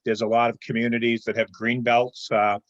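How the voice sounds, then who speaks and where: A man's voice: mid-range voice, little pitch movement, fairly quick, no echo. A man speaking up on a video call, rambling with many fillers. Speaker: club member. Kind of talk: casual remarks on a video call. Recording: muffled video call audio.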